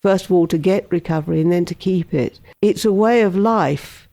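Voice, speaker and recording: A woman from England, giving a thoughtful, candid personal testimony in an interview and laughing softly at times. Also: on the low side, normal speed. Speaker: interviewee, program member.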